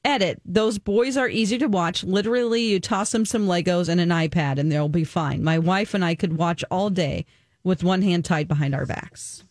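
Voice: medium pitch, normal speed, dry recording, clean studio sound. A radio co-host reading a listener's story aloud, then chatting with a wry, casual manner.

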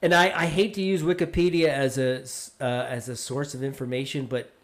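A middle-aged man co-hosting a podcast in casual chat, easygoing and quick to laugh. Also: medium pitch. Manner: easygoing, laughs often, reads aloud flatly. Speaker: podcast co-host.

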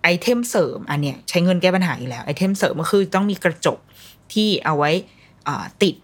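A woman, chatting casually about life as a mother. She talks bluntly and loosely, and acts out the voices of the people in her stories. Her voice sits fairly low and sounds husky and a little breathy. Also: animated, brisk. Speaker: mother sharing parenting advice. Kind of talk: casual storytelling chat.

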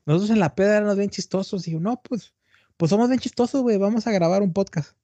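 A northern Mexican man hosts a podcast, chatting casually and rambling on with a steady stream of slang. His voice is mellow and warm, and it sounds close and dry on the mic. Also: high voice, fast talker, no echo. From Tamaulipas, northern Mexico. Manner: rambling and animated, slangy, peppers lines with "güey". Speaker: podcast host. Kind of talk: casual chat.

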